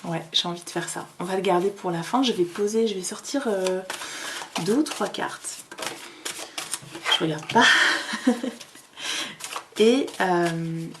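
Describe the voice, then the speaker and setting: A woman giving a card-reading guidance in a calm, hesitant way, with many fillers, seated at a table with her cards. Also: fairly low pitch, measured pace, long pauses, noisy background. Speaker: tarot reader.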